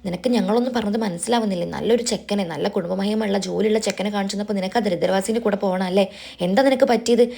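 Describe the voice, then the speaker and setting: A woman reads out a controlling middle-aged mother from a TV serial, scolding and pressuring her grown daughter. She talks at a very fast clip, with the everyday pitch of the narrator who puts her on. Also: fairly even intonation, creaky, mellow. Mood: angry, scolding.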